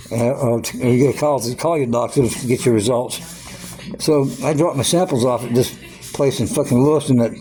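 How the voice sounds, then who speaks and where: A man's voice: mid-range voice, warm tone. A man in his sixties ranting angrily about his medical troubles, swearing constantly and repeating himself as he talks. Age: 60s. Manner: profane, heated, repetitive ranting. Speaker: vlogger. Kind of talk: angry personal rant.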